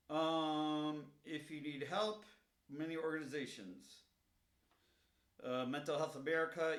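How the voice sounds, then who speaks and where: A vlogger speaks earnestly to the camera with a personal awareness message, pleading and repeating himself as he urges viewers to reach out. His voice is high and sharp, and the room echoes.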